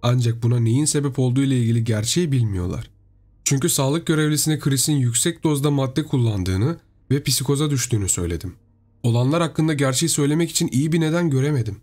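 A man narrating a horror story in a steady, storytelling delivery. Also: medium pitch, quick pace.

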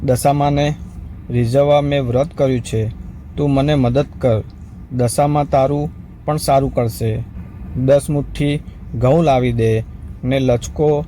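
Humble, devout queen from a devotional tale, pleading softly, read by a man, mellow tone. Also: medium pitch, steady tone, measured pace, long pauses, slight background noise, close to an everyday voice.

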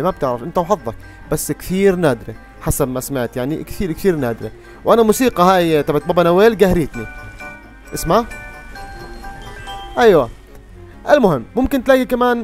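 A young man talks through his gameplay at a rapid clip, often breaking into excited exclamations. His voice sits a little high. Game music plays quietly behind him. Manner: excitable, yells and exclaims at surprises. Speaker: gaming youtuber. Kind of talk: live gameplay commentary.

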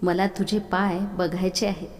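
A woman's voice: on the low side, little pitch movement, measured pace, lightly acted. A woman reading as a pleading young devotee. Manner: loud, pleading calls. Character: young male devotee crying out in longing. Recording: long reverb.

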